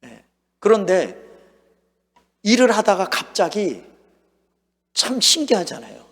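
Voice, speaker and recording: Male pastor, lively storytelling sermon, husky voice, long church reverb. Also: high-pitched, slow. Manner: storytelling, acting out his own lines and shouts. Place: church sanctuary.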